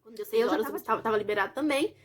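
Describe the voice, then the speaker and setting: A young woman from Brazil tells a personal story to her viewers in a casual, chatty vlog. Her voice sits a little high and her words come quickly. She speaks directly to the people watching. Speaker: vlogger.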